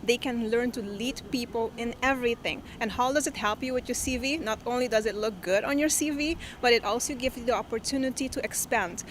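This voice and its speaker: A woman's voice: fairly high pitch, a little fast, few pauses, a little hiss or hum. A woman being interviewed, explaining informally and promotionally.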